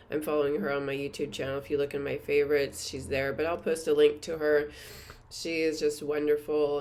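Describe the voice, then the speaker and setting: A woman hosting her own channel, chatting earnestly and reflectively to camera, with many fillers and soft laughs. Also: low-pitched. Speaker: spiritual teacher and channel host. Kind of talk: casual reflective monologue to camera.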